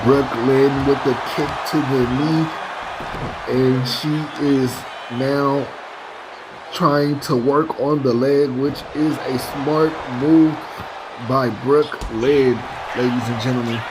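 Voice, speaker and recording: Slow-paced male wrestling commentator, noisy recording. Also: medium pitch, steady tone. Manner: announcer-style address to listeners with stock exclamations. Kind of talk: wrestling commentary over a video game. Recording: clear background noise behind the voice.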